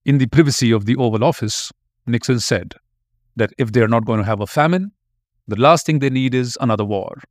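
A man's voice: medium pitch, brisk, no room sound, clean studio sound. A man giving scripted narration as a history podcast narrator, reading out quotes in a storytelling tone.

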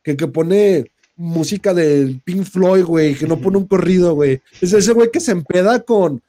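A man's voice: high voice, normal speed, dark tone, no room sound, studio quality. A man with a Mexican Spanish accent hosting a podcast, ranting in crude slang and slipping into mocking voices. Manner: crude, slang-heavy rant with mocking put-on quote voices. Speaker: podcast host. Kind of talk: casual podcast chat.

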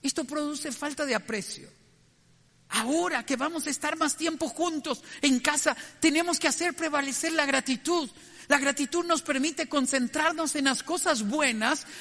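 A man's voice: very high-pitched, sharp tone, long reverb tail. A man giving a devotional message in an earnest, reflective way, putting direct questions to his listeners. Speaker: preacher.

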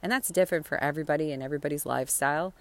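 A woman's voice: sits low, rapid-fire. A cheerful, encouraging woman giving a casual motivational pep talk outdoors, chatty and rambling with frequent asides. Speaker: vlogger giving motivational advice. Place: outdoors on a sun deck.

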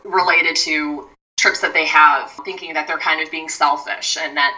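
A woman who is a mindfulness expert, guest on an interview, explaining in a measured, step-by-step way with frequent restarts. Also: low voice, steady tone, bright, forceful tone, recorded from a distance, low-quality recording.

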